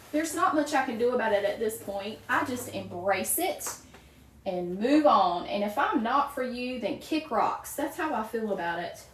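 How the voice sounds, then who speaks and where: Recorded from a distance in a roomy space, a woman with a fairly high voice chats casually with her livestream audience, naming viewers as they arrive. She's a wreath-maker in her forties from small-town Virginia with a Southern accent.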